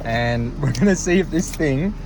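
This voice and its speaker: A man's voice: fairly high pitch, animated, normal speed, noisy background. A young Australian man hosting a vlog, chatting casually and slangily to camera and joking with his friends. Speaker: vlog host.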